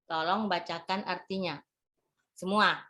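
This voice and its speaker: A woman's voice: fairly low pitch, fairly even intonation, a little slow, bright, forceful tone. A woman teacher, leading a classroom lesson in a motherly, repetitive instructing manner. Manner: motherly instructing, repeats words and phrases. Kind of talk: classroom lesson on Quran reading.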